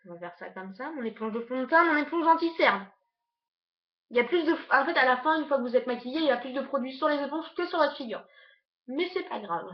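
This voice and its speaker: A young woman, a beauty vlogger, rushing through a casual makeup haul on her bed at home, chatting with lots of fillers. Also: high voice, animated, dull audio. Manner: hurried, chatty, many fillers. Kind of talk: casual product review.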